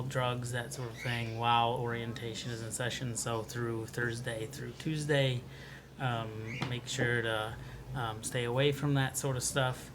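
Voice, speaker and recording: Even-toned American man, noisy background. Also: medium pitch. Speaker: orientation staff organiser. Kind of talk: informal explanation of rules. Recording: clear ambient background noise.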